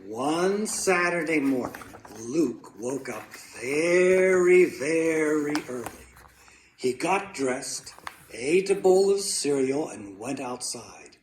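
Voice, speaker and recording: Slow, dramatic male storyteller. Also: a little high, expressive, roomy sound, slight background noise. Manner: slow, dramatic, playful sound effects. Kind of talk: children's storybook reading.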